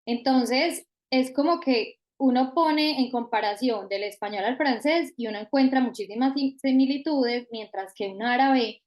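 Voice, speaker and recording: High-voiced woman hosting a podcast. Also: moderate pace, few pauses. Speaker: podcast host. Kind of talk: podcast interview.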